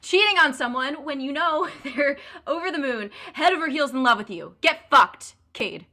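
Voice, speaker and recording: In an audio drama, an actress voices a young woman whose boyfriend has betrayed her, swearing freely and sounding both hurt and furious. Her high, bright voice is forceful, with a biting, sarcastic edge, lively intonation and a moderate pace. The mood is furious and scornful.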